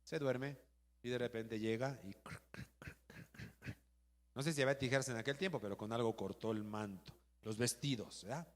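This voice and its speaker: A man with a Mexican accent, a pastor giving a lively sermon and asking the congregation questions. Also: mid-range voice, moderate pace, long pauses. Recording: long hall reverb.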